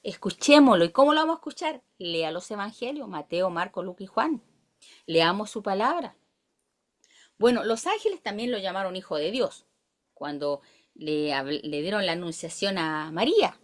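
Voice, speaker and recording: Chilean woman leading a Bible study, lively up-and-down delivery, mid-pitched, questions the room. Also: normal speed. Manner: animated, asks the listeners questions and reads verses aloud. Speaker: Bible teacher.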